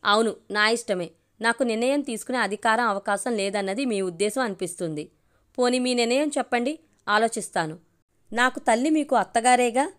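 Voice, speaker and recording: A woman's voice: a little high, a little fast, fairly bright tone, clean tone, close to an everyday voice. A woman voicing a firm, dignified middle-aged wife and mother in a storybook reading, arguing in a reproachful way.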